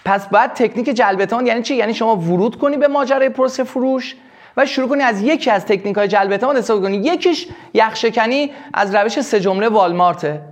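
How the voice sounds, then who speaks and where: A man teaching a live sales workshop, explaining with quick acted examples. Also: sits high. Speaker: sales trainer.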